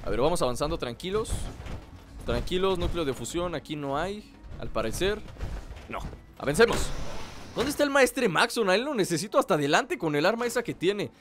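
A man with a Mexican accent gives casual let's play commentary, his voice high, sing-song and a little fast as he rambles playfully to himself and his viewers. Game noise and video game ambience sit behind him, with music in the background.

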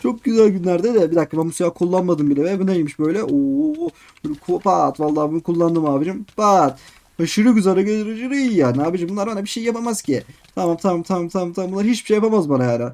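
Man, gaming YouTuber, high voice, fast, excitable, repeats himself, let's-play commentary. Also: creaky. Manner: excitable, keeps calling viewers "abicim" and "arkadaşlar"; repeats phrases in quick bursts.

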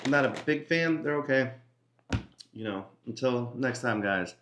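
A man's voice: mid-range voice, unhurried. Middle-aged man in an echoey kitchen. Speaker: host of food taste-test videos. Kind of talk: casual chat to camera. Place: home kitchen, indoors. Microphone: camera a few feet away. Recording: roomy kitchen echo, faint noise, crinkling.

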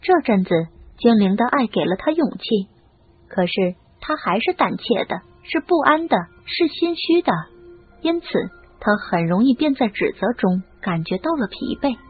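A woman narrating a novel audiobook in an expressive storytelling manner. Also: on the high side, normal speed, husky. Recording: lo-fi phone-like audio. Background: faint music.

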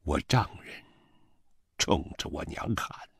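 A man reading a novel aloud as a first-person narrator, slow and expressive. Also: dry recording, studio quality. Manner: slow, expressive, wide-ranging storytelling. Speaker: audiobook reader.

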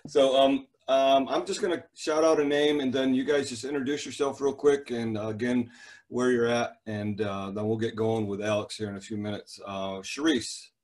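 A man's voice: mid-range voice, normal speed. A middle-aged man hosting a church youth leaders' video call, chatting casually and introducing people. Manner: relaxed, chatty, many fillers.

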